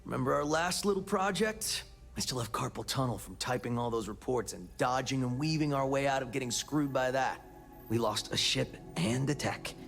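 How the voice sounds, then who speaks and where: An actor playing an anxious, wordy, wry space operative in a video game, with a raspy voice. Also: male voice, medium pitch, normal speed, fairly bright tone, faint music behind. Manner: fretful, wordy, sardonic. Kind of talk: video game character dialogue.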